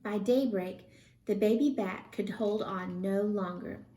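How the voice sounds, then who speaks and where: Slow, expressive woman reading in echoey room. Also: medium pitch. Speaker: storybook reader. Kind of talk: expressive children's read-aloud. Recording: roomy, echoey sound.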